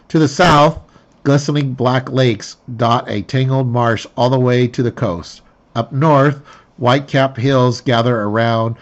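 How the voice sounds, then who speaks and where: Man reading game narration, muffled sound. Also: mid-range voice. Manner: stumbling restarts and self-corrections while reading. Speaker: player reading the scenario aloud. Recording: dull lo-fi sound.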